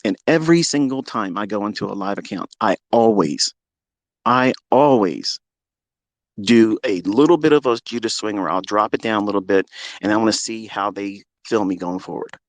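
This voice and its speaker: A man's voice: normal speed, no room sound. Profane, boastful man in a dry close room. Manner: profane, boastful, taunting, swings from loud to low. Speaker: trading mentor. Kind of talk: combative live-audio rant. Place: home, on a live audio room call.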